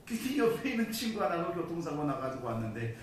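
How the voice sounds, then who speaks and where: A man preaching a sermon in a church, telling a story with sudden swings between loud and soft. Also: on the high side, big pitch swings, fast talker, noisy background. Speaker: pastor. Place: church sanctuary. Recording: distant mic in a very echoey hall.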